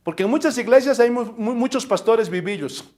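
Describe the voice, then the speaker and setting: A man's voice: very high-pitched, a little fast, darkish tone. A man, a pastor delivering an impassioned sermon full of rhetorical questions. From Bolivia.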